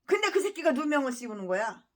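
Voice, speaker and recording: Woman pastor, high voice, fierce preaching: angry rants, sudden shouts, slow stressed scripture reading. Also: very animated. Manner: angry ranting with bursts of shouting. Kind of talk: expository sermon.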